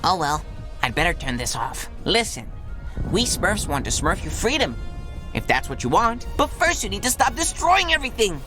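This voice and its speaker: A woman's voice: lowish voice, sing-song, moderate pace, music in the background. A woman voicing an earnest, self-important, brainy little male creature in a cartoon game, wordy and pompous. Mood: pleading, earnest. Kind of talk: animated game dialogue.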